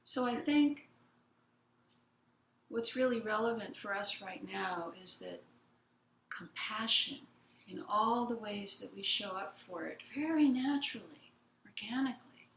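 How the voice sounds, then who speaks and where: A woman Zen teacher giving a gentle, unhurried dharma talk in a meditation hall, retelling a children's picture book for her listeners. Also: mid-range voice, slight background noise. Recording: roomy hall sound.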